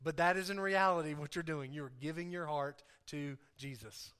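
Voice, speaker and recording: A man's voice: fairly high pitch, fairly even intonation, normal speed, a bit bright, clean tone. A man preaching an informal, impassioned sermon to a congregation, repeating phrases for emphasis and dropping in conversational asides.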